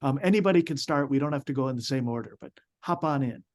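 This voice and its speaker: A man's voice: medium pitch, quick pace. A man from the program staff moderating a student panel in an upbeat, encouraging way.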